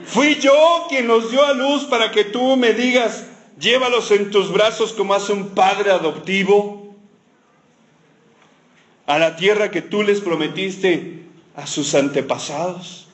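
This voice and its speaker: A man voicing Moses as a put-upon man complaining to God in a high, drawn-out, self-pitying whine. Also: fairly bright tone, some chatter behind. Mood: whiny.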